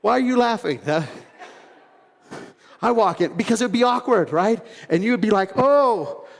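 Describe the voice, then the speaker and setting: A man preaching a sermon as pastor, telling stories in an animated way and acting out other people's voices. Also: sits high, normal speed, vocal fry, big-room sound, a little hiss or hum. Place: church sanctuary.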